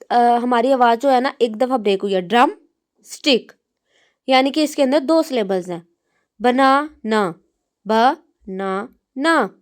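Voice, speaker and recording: A woman with a slightly high voice teaches in a patient classroom manner. She stretches example words out slowly and weaves English terms into her explanations. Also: darkish tone. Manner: mixes English terms into Hindi-Urdu speech.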